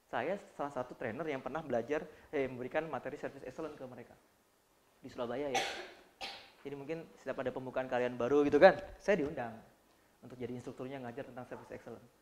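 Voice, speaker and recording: A man teaching cabin-crew students in a lively, joking way, acting out examples of how to speak. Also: mid-range voice, fast talker, slight background noise. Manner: animated, joking, acts out examples. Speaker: flight attendant trainer. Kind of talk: training lecture to students.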